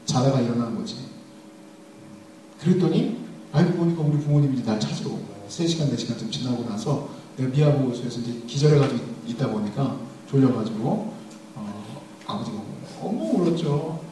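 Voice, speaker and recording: A man's voice: mid-range voice, animated, a little fast, dark tone, slight background noise. A man around thirty giving a sermon, telling a funny personal story and speaking straight to his listeners. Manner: humorous storytelling, addressing the audience directly. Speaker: preacher. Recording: echoey hall, mic at a distance.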